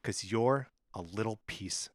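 A man's voice: lowish voice, unhurried, no room sound, studio quality. A man playing a gloomy male swamp creature in an improvised comedy audio drama, talking in a sulky, brooding way. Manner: sulky, then menacing and brooding.

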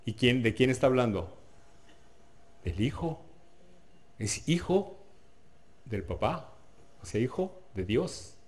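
A man's voice: medium pitch, very animated, takes it slowly, long pauses, a little mellow. Man, sermon, chatty, rhetorical questions, jokes with listeners. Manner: jokes with the audience. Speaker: preacher.

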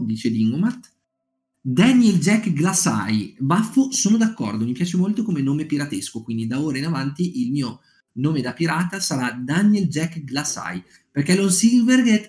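A man's voice: mid-range voice, darkish tone. A man hosting a casual live stream, recommending short stories and chatting with his audience, with lots of fillers and restarts. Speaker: streamer leading a writing group. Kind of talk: casual live-stream chat with book reading.

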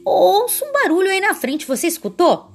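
A big hungry monster from a children's story, slow-witted and easily astonished, as a woman puts him on. The voice swings widely in pitch and draws its words out in wonder, with faint music behind. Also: big pitch swings. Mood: amazed.

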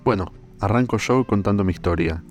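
A young man with an Argentine accent hosting a podcast, telling a story in a casual, animated way with lots of fillers. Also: on the low side, faint music behind. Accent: Argentine Spanish. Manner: animated, drawn-out fillers, laughs while telling. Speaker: podcast host.

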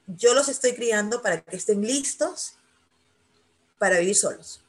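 A woman's voice: mid-range voice, expressive, measured pace. A middle-aged woman in a casual panel chat, speaking openly and emotionally about raising her children. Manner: emotional, talks of near tears. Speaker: mother of grown children.

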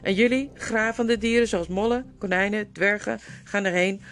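A woman's voice: medium pitch, normal speed, a bit bright, soft background music, voice pushed up, close to an everyday voice. A woman reading a storybook, voicing a scheming, domineering male ape who snaps and sneers. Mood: bossy. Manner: sneering, snapping orders.

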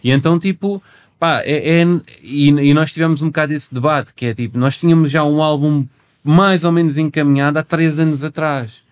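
A man's voice: a little high, normal speed, clean tone. A man chatting casually as a rapper guest, slangy and emphatic, often repeating himself. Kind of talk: casual chat.

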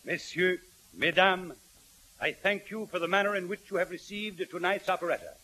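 An actor playing a showy, formal theatre impresario in a 1940s radio drama. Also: male voice, high-pitched, moderate pace, sharp tone, low-quality recording. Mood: formal, proud. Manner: declamatory, formal. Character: suave, showy theatre impresario addressing his public. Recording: hissy old radio broadcast.

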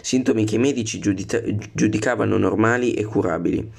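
A man's voice: fairly low pitch, fast talker, gravelly, darkish tone, husky. A man reading a novel aloud, now and then stumbling and correcting himself on words. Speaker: book reader.

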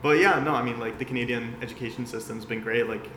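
A man's voice: mid-range voice, fairly even intonation, quick pace. A man in his late twenties from Austria, a guest in a casual interview, chatty and laughing easily, with many fillers. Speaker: guest, agency founder. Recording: roomy echo with faint background hum.

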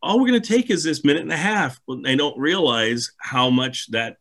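A man hosting a podcast in casual, enthusiastic but halting conversational talk. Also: fairly high pitch, lively intonation, a bit bright. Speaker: podcast host.

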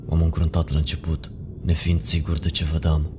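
Deep-voiced man narrating a horror story. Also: monotone, background noise. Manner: measured, ominous storytelling. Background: music.

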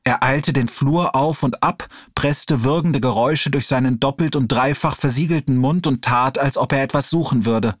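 A man reading an audiobook chapter aloud in a steady storytelling delivery. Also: mid-range voice, normal speed, few pauses, no room sound, studio quality. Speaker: audiobook reader. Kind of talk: audiobook narration.

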